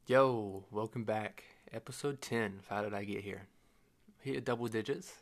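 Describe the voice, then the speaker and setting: A man's voice: fairly low pitch, a little slow. A young man hosting his own podcast alone, talking in a rambling, joking way with a groggy morning voice. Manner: rambling, self-correcting, jokey. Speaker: podcast host. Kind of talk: casual solo podcast talk.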